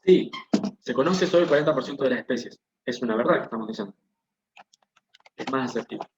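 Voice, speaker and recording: Teacher in an echoey online class. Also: male voice, medium pitch, fast talker, slight background noise. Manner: explanatory, often checks in with the class. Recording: echoey, dull lo-fi video-call audio.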